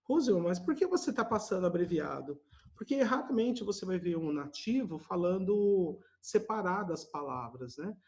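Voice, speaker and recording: A man with a Brazilian accent teaching an English class over a video call, chatty, tagging nearly every phrase with a quick questioning aside. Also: high-pitched, big pitch swings, darkish tone, muffled recording. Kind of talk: online language class explanation.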